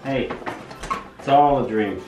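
A middle-aged man in relaxed, joking family chat, heard from across the room. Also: mid-range voice, takes it slowly, roomy sound, dull audio, background noise.

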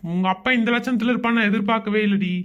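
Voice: medium pitch, fairly even intonation, a bit bright, muffled recording, natural voice. A performer voicing a young husband in a Tamil cartoon, grumbling and sarcastic about his in-laws. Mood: exasperated. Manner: grumbling, sarcastic, quick complaints.

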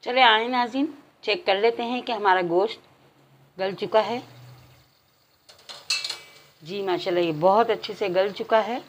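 A woman hosting a cooking channel, giving calm step-by-step recipe instructions to her viewers in a home kitchen. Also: medium pitch, measured pace, long pauses, slight background noise, rough recording.

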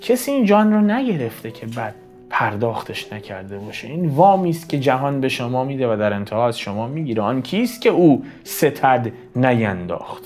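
A man reciting classical poetry in a raised, declaiming voice and then explaining it in quick, casual talk. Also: medium pitch, lively intonation, darkish tone. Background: faint instrumental music.

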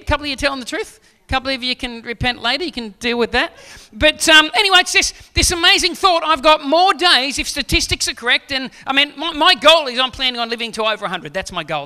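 High, bright-voiced pastor preaching. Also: male voice. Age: 40s. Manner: joking, conversational, then rising to preaching questions. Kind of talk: sermon. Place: church stage with seated audience. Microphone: handheld mic.

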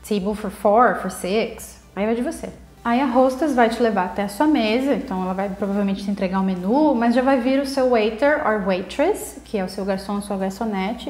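A woman teaching English in a relaxed lesson, whose first language is Portuguese, explaining and then saying English phrases slowly and clearly. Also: a little high. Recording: echoey room.

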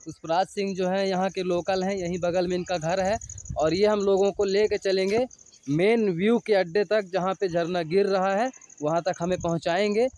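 Holding his phone at arm's length, a man in his thirties vlogs his walk outdoors through a village and forest trail, chatting casually to his viewers as he hikes. He speaks at normal speed in a high-pitched, steady, slightly mellow voice.

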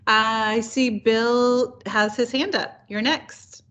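A woman's voice: a little high, fairly even intonation, takes it slowly, a bit bright, lo-fi sound. A middle-aged woman hosting and moderating a video call, conversational and encouraging. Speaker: host, moderator.

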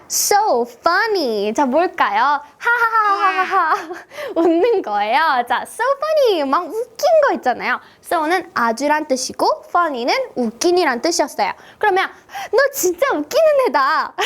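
A woman leads a children's English lesson in a high, bright voice that swings widely up and down. She sounds playful and sing-song, throwing in big gasps and cheerful prompts to young learners.

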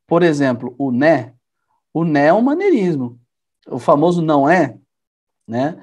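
A man's voice: on the high side, measured pace. A man from Brazil hosting a live programming show, telling stories in a chatty, casual way. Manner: chatty storytelling with lively asides. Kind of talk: casual live-stream talk.

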